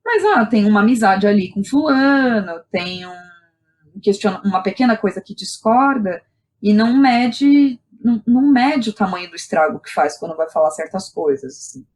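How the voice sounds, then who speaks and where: In an interview on a podcast, a Brazilian woman, who is a playwright and director, shares personal stories in a loose, candid way filled with slang and tag questions. Her mid-range voice is expressive and a little mellow, and she speaks at a normal speed.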